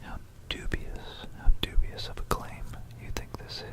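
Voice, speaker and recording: Unhurried and meandering, the history tale comes in an unvoiced, breathy whisper from an ASMR host positioned close to a binaural mic. Playful side comments to the listener pop up throughout.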